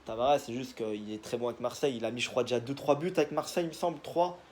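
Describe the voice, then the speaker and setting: A man's voice: mid-range voice, fast, a little mellow, a little hiss or hum. A young man, casually giving his football predictions in a rambling, joking monologue full of fillers. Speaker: football video creator.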